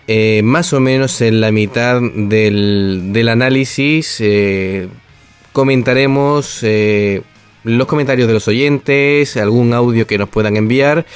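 A man from presents a relaxed sports podcast. His voice sits at a medium pitch and he speaks haltingly, filling gaps as he goes. Light music plays behind him. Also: smooth. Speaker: podcast host. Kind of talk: casual sports talk show hosting.

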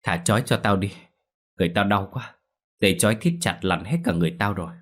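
A man voicing a young man possessed by a spiteful ghost, speaking in a thin, eerie rasp in a storytelling narration. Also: deep voice, fast. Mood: wheedling. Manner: wheedling then cursing.

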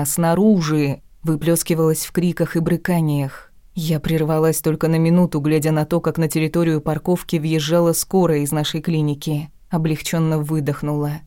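A woman narrating an audiobook in the first person with an even, restrained reading. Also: low-pitched, clear, resonant tone, dry recording, clean studio sound.

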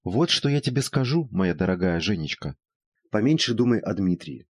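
A brisk, skeptical woman friend, teasing and lecturing in a high, lively voice with a husky edge, as a male reader puts her on. The sound is dry and close. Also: dry recording.

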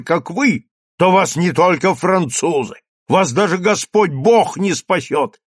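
A man's voice: fairly high pitch, no room sound, clean studio sound, voice pushed up, exaggerated voice. A man voicing a stern male village priest in an audiobook, admonishing the quarrelers. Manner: admonishing, thundering. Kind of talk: audiobook character reading.

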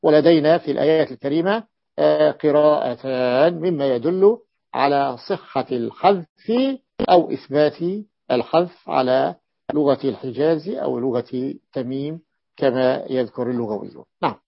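A man's voice: medium pitch, moderate pace, creaky, muffled recording. A man teaching Arabic morphology, explaining a classical text, repeating key forms and calling on a student to read on. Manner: repeats key forms and invites the reader to continue.

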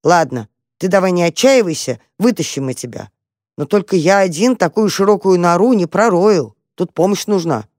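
A plucky young male mouse takes charge with quick, eager talk, as a storyteller voices him. He gets impatient and bossy with slower friends in this children's storybook. The sound is dry and close. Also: mid-range voice, lively intonation, darkish tone, no room sound, natural voice.

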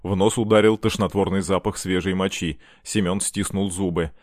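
A man reading a novel aloud as audiobook narrator, measured and dramatic. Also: sits low, steady tone, a little mellow, dry recording, clean studio sound. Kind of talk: scripted narration.

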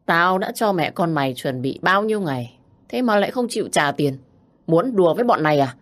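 A woman's voice: deep voice, lively intonation, fairly quick. A woman doing a menacing male thug. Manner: threatening, snarling. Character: brutal tattooed male debt-collector thug.

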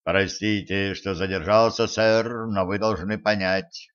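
A man's voice: low voice, steady tone, measured pace, fairly bright tone, smooth, lo-fi sound. A man voicing a polite, formal male servant who is a shape-shifting bat. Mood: courteous. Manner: courteous, formal.

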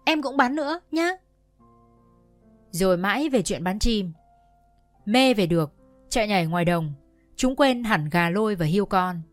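Một người phụ nữ đọc truyện audio, giọng kể đều đặn. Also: female voice, medium pitch, moderate pace, dry recording, soft background music. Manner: steady storytelling. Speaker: narrator. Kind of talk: scripted audiobook narration.

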